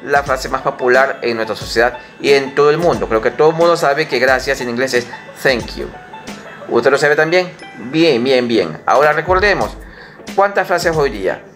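A middle-aged man teaching young children in an online lesson, coaxing them to repeat phrases slowly. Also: mid-range voice, lively intonation, a bit bright, faint music behind. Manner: patient, slow, spelled-out English phrases mixed into Spanish.

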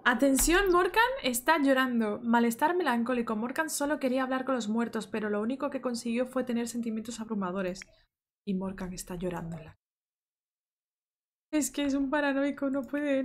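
A woman with a slightly high voice streams a life-sim game at a moderate pace, chatting casually, greeting viewers in chat, and reading game text aloud. She's excitable and shrieks when startled, and there's a little hiss or hum on the recording.

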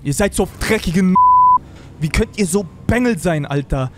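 A man roleplaying in a game, shouting and cursing aggressively in character. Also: high voice, lively intonation, normal speed. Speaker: roleplay streamer. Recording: voice chat over loud game noise.

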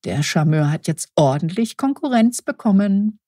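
A brisk, matter-of-fact female lab doctor in an audiobook crime story, read by a woman. Her voice is slightly husky and the recording is dry and close. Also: mid-range voice, sing-song, mellow, no room sound. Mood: chatty. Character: adult female hospital lab doctor, defensive.

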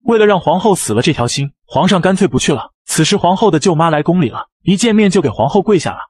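Fast, animated husky male narrator. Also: sits high, dry recording, studio quality. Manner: brisk, animated storytelling. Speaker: comic recap narrator. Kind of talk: scripted narration.

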